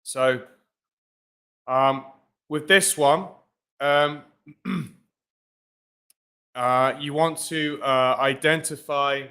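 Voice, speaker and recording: A man's voice: mid-range voice, sharp tone, smooth. A man teaching English pronunciation in a live-streamed lesson, talking informally and often checking in with "right?" and "guys" between fillers.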